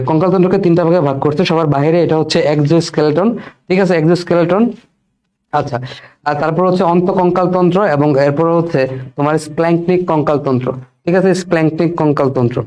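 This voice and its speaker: Mellow-voiced teacher, checking understanding. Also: male voice, on the high side, quick pace, lo-fi sound. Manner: repeats key terms and keeps asking "okay?". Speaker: biology teacher. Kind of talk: recorded exam-prep lesson.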